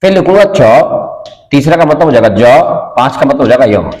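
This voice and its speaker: A man's voice: medium pitch, animated, fairly quick, darkish tone. A man teaching Hindi grammar in a classroom, explaining step by step and asking and answering his own questions, with a north Indian Hindi accent. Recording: roomy echoing classroom with long reverb.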